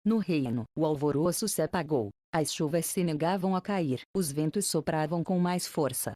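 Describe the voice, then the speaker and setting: Woman, audiobook narration of an epic, measured and formal, low voice, dry sound. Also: dark tone, no room sound. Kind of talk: scripted narration of an ancient epic.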